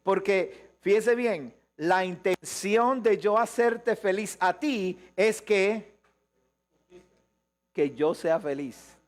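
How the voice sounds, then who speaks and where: A man preaching a live sermon as pastor, questioning the congregation and shifting between quick asides and slow emphasis. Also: high-pitched, expressive.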